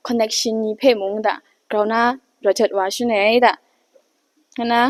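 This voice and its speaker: A woman giving an unhurried talk, often pausing and hesitating. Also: fairly high pitch, flat delivery, no room sound.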